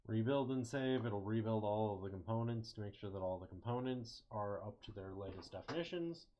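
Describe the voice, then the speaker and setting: Relaxed young man talking through CAD steps. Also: fairly low pitch, brisk, a little hiss or hum. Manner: relaxed, thinks aloud, self-corrects, light jokes. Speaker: engineering student. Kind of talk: casual screen-recorded CAD walkthrough. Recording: slightly muffled lo-fi mic.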